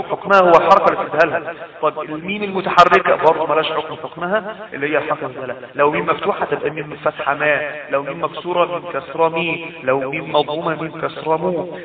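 A man with an Egyptian accent delivers a recitation lesson at a brisk clip, his voice sitting somewhat high. He explains patiently, repeating points and posing questions to his listeners. The sound is thin and phone-like, echoing in a room and set well back from the mic. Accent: Egyptian Arabic. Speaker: Quran recitation teacher. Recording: tinny phone-like sound, roomy and distant from the mic.

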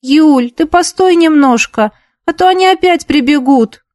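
A woman voicing a whiny teenage girl music student in a storybook reading, pleading in a high, tearful tone. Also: unhurried, a little mellow, dry recording, clean studio sound. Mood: whining. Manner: whining, pleading.

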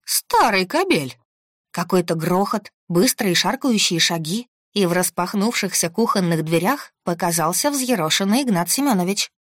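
A woman reading a first-person story aloud in an even, steady manner. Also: fairly low pitch, moderate pace, few pauses, no echo, clean studio sound. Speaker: audiobook narrator. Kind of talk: scripted first-person narration.

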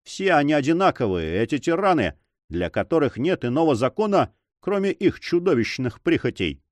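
A proud forester with a fierce sense of honor, bursting out in passionate exclamations, as a male reader puts him on. His voice swings widely in pitch, and the sound is close and dry. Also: big pitch swings, normal speed, a little mellow, no echo, lightly acted. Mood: outraged. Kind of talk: audiobook character reading.

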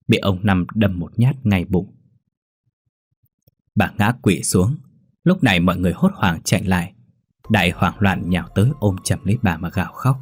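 A man narrating a ghost story in a steady storytelling way. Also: low voice, slightly rough, dry recording, studio quality. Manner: steady storytelling, voicing all figures.

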